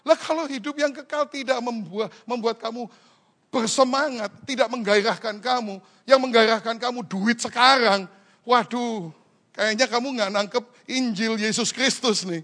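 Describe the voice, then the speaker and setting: A man's voice: extremely high pitch, normal speed, a bit bright. A male pastor preaching a sermon in a joking, teasing way, full of rhetorical questions and English phrases mixed into his talk. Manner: mixes English phrases into Indonesian speech.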